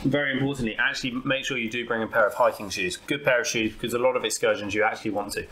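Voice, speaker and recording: A man co-hosting a travel podcast, playful and quick to poke fun at himself in loose chat. His voice sits at a middle pitch. A steady layer of noise runs under the recording. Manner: playful, self-mocking guesser. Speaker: podcast co-host. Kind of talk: casual chat. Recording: noisy recording.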